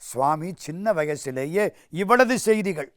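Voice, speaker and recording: A man's voice: a little high, lively intonation, unhurried. A man giving a spiritual discourse as a storyteller, acting out the characters' dialogue and sometimes reciting devotional verse. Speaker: spiritual speaker and professor.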